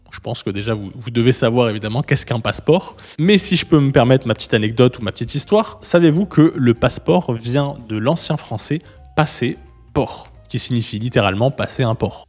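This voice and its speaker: A man hosting a casual explainer video, talking viewers through a website in a relaxed, chatty way with frequent fillers and restarts. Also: medium pitch, in a large hall. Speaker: YouTube host, legal consultant. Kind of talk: casual explainer with screen walkthrough.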